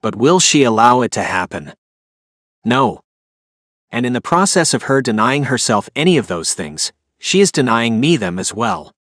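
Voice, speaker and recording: A man's voice: mid-range voice, very animated, normal speed, fairly bright tone, no echo, studio quality. A man narrating a first-person romance audiobook with an emotive, inner-monologue delivery.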